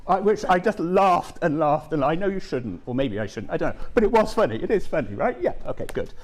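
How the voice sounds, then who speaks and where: Presenting at a conference, a middle-aged academic keeps his talk conversational, often tossing in "okay" and "yeah" to check on listeners. His voice runs a little high, swinging widely in pitch at a fairly quick pace.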